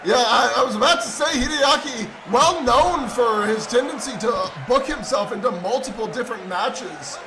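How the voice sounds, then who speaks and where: A man doing excited wrestling commentary who erupts into shouts at big moves. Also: very high-pitched, moderate pace, few pauses. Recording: over loud crowd and music. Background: crowd noise and music.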